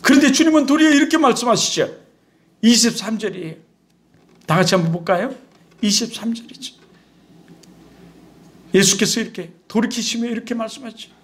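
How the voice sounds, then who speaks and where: A male pastor preaching a sermon in an animated, conversational way with rhetorical questions. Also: very high-pitched, brisk, pauses often.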